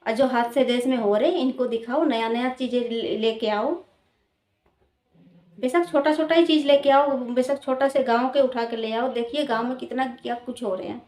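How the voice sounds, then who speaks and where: A woman's voice: on the high side, fairly even intonation, normal speed, a little mellow. A woman vlogger speaking straight to her viewers in an admonishing way, repeating her points and tagging them with questions. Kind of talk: direct-to-camera opinion vlog. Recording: roomy echoey room.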